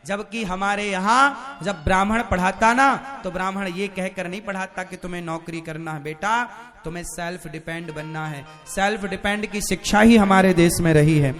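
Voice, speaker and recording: A man's voice: high-pitched, normal speed, fairly bright tone, faint music behind. A man preaching a fiery sermon to a live gathering, keeps asking the crowd for answers. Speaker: spiritual preacher.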